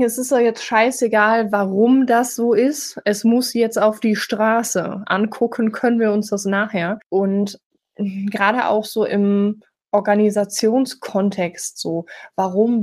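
A woman's voice: mid-range voice, a little mellow. Blunt woman about 30, podcast guest, says what she thinks. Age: around 30. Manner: outspoken, blunt, quick asides. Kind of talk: casual interview chat.

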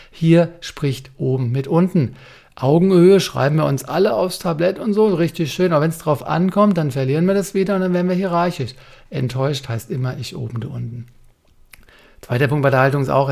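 Gravelly man, punchy coaching talk. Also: mid-range voice, darkish tone. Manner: punchy, rhetorical questions, addresses listener directly. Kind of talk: direct-to-camera talk.

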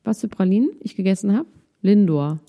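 A woman's voice: mid-range voice, expressive, fairly quick, warm tone. A woman co-hosting a podcast, chatting in a giddy, self-mocking way about celebrity gossip. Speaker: podcast co-host. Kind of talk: casual gossip chat.

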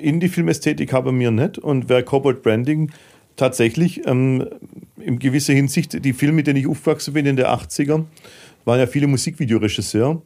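Speaking a little fast, this podcast guest has a medium-pitched, somewhat dark voice. He's a middle-aged filmmaker and managing director from Germany's southwest, and he talks openly and informally in the relaxed interview.

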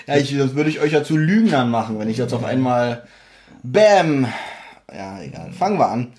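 A man's voice: mid-range voice, lively intonation, fast talker, a little mellow, slight background noise. A young man hosting a small quiz on a casual podcast in a room with friends, laid-back and stumbling over words now and then. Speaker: quiz host.

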